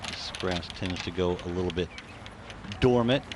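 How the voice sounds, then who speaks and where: A man with a deep voice delivers live golf commentary in a conversational way. Outdoor ambient noise is clearly audible on the broadcast. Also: moderate pace.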